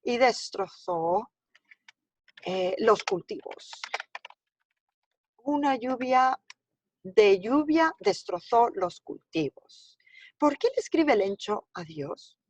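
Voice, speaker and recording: A woman's voice: medium pitch, a little mellow, no room sound. Woman teacher, native speaker, homework walkthrough at the computer, thinks aloud with constant check-ins, dry room. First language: Spanish. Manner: talks students through steps, thinking aloud with rhetorical checks. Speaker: Spanish teacher. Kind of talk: recorded homework walkthrough lesson.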